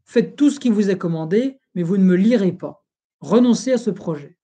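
The reader voicing a condemned older king, calm and dignified, speaking in a measured, commanding tone. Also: high voice, breathy edge. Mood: indignant.

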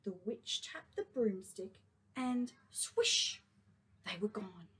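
Breathy woman reading to kids. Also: mid-range voice, slow. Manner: gentle, expressive storytelling. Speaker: kindergarten teacher. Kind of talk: reading a picture book to children.

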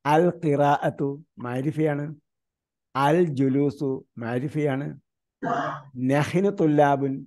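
Man from India teaching grammar online, mellow voice, keeps quizzing students and spells terms out slowly. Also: fairly high pitch, steady tone. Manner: quizzes students with repeated questions.

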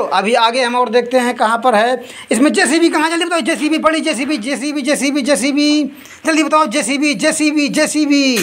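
In a high voice, a woman hosts a game where two children search for toys. Her commentary is lively and continuous, with item names fired off quickly to push them along, plus scolding and laughter between rounds.

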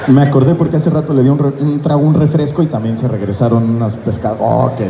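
On stage at a fan convention, a male voice actor guest jokes with the crowd through a handheld mic, chuckling at his own lines. His voice sits at medium pitch with fairly even intonation and a slightly quick pace. Shot from the audience in a large indoor hall full of people, the audio is echoey with heavy crowd noise.

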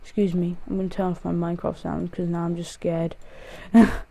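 A man's voice: high voice, completely flat delivery, normal speed, vocal fry, warm tone. A male gaming host giving casual, rambling gameplay commentary, counting aloud and joking at himself as he plays. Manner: rambling, self-mocking, counts aloud while playing.

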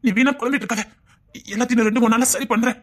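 In a tearful melodrama, a woman with a Tirunelveli Tamil accent plays a tender husband in desperation. Her high, husky, natural-sounding voice stays steady in tone as rapid-fire words tumble out in stammered, repeated reassurances, pleading and desperate.

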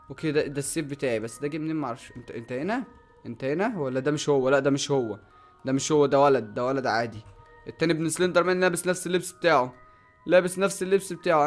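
Man, Egyptian accent, excitable gameplay commentary, bright tense voice, faint music underneath. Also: sits high. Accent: Egyptian Arabic. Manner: excitable, shouting and yelping at sudden dangers. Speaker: gaming YouTuber.

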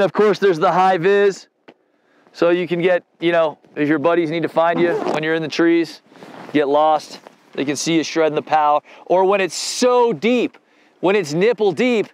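A man's voice: fairly high pitch, clean tone, dry recording. A man in his forties doing a casual, rambling product review outdoors on a snowy slope, talking in a laid-back, slangy way into a lapel mic. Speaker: gear reviewer.

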